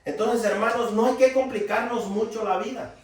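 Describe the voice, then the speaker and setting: A man preaching a sermon in a folksy, animated way, raising his voice for emphasis. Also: very high-pitched, normal speed. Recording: very echoey room, from far off.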